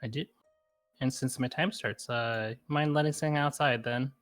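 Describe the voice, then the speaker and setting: A man playing his character in a tabletop game, talking fast and urgently with jokes in between. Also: mid-range voice, fairly even intonation, a bit bright, faint music behind. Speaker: player. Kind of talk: casual tabletop game play.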